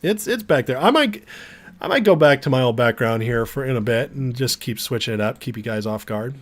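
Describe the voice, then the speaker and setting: An American man hosts a casual livestream, chatting chummily with viewers and reading out their comments. His medium-pitched voice is animated and a little fast, though it's starting to give out as he recovers from an illness.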